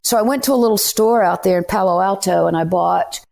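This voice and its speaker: Southern woman, gravelly storyteller. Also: mid-range voice, fairly quick. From Anderson, South Carolina. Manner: animated, emphatic storyteller. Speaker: guest author. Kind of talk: storytelling interview.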